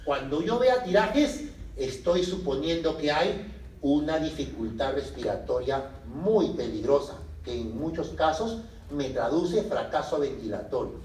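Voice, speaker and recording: A man lecturing a medical class, lively, asking the students questions and answering them himself. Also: on the high side, measured pace, slight background noise. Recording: echoey room from a distance.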